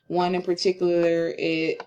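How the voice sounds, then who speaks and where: A woman's voice: fairly low pitch, level tone, measured pace, a little mellow, highs cut off, a little hiss or hum. Tired young woman giving a class presentation. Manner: casual, rambling with fillers and restarts. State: tired, slightly slurring. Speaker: student presenter.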